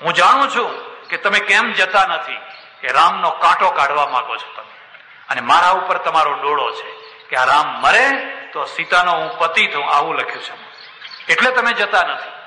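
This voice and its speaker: A man's voice: on the high side, lively intonation, normal speed, bright, forceful tone. Sita, a man voicing a stubborn pleading queen. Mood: accusing. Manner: insistent, tearful and accusing. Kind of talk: sermon storytelling with acted dialogue. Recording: echoey hall with long reverb.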